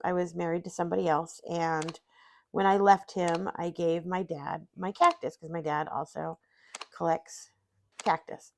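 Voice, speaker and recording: Sniffly and fatigued after getting vaccines, a middle-aged woman streamer plays solitaire and rambles to chat about her day, self-deprecating throughout. She speaks a little slowly with fairly even intonation, and her creaky voice sits on the low side over slight background noise.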